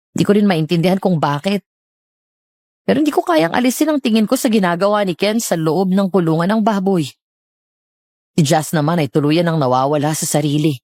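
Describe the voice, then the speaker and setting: A woman's voice: on the low side, a little mellow, no room sound, studio quality. A woman narrating a horror story in the first person with dramatic delivery.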